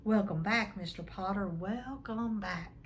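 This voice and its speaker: A woman's voice: mid-range voice, measured pace, slight background noise, close to an everyday voice. A woman voicing a reverent, awed old male barman in a storybook reading. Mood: reverent, moved.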